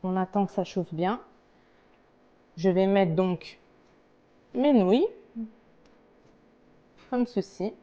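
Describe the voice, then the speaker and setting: A woman's voice: mid-range voice, slow, pauses often, mellow, muffled recording. A woman casually talking through a recipe step by step as a home cook, in a hesitant, explanatory way. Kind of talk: casual cooking tutorial, talking through steps.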